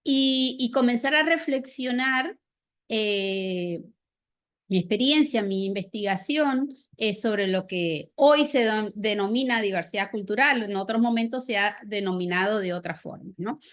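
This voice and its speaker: A woman's voice: mid-range voice, measured pace. A middle-aged woman from Argentina, giving a hesitant, reflective academic talk with many restarts. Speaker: academic speaker. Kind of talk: workshop talk.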